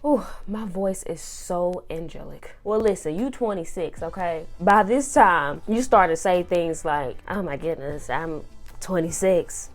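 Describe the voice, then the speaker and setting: A woman's voice: lowish voice, lively intonation, unhurried, faint music behind. A young woman from Kansas City, talking casually in a faith-based advice vlog, playful and sassy as she preaches straight to her younger self. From Kansas City, USA. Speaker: vlogger.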